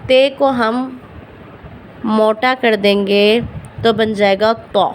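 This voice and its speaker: A woman who speaks Urdu as her first language, teaching beginners to pronounce Arabic letters for Quran reading, patiently repeating each sound slowly. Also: on the high side, steady tone, slight background noise, rough recording.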